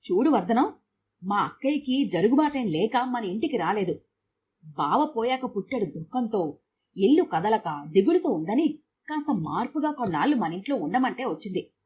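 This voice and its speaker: A woman's voice: a little high, big pitch swings, moderate pace, darkish tone, slight background noise. A woman voicing a tired middle-aged husband who lectures his wife. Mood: weary.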